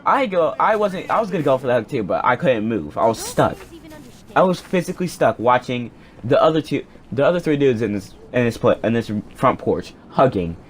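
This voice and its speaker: A young male vlogger with a mid-range, sing-song voice tells a personal story at a brisk clip. He rambles, swears and keeps restarting sentences, all captured on a cheap home mic.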